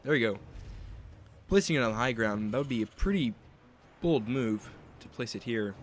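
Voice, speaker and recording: A young man giving play-by-play commentary on a strategy game, speculating on each move as it happens. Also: medium pitch. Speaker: esports caster.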